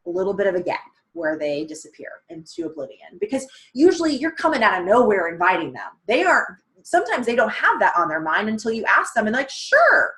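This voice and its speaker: Give me a chatty woman coaching on a video call, with a hoarse, worn-out voice and a frank way of talking. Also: fairly high pitch, a bit bright. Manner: chatty, frank, acts out prospects' lines. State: losing her voice. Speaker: presenter of a sales training call. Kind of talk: casual coaching talk.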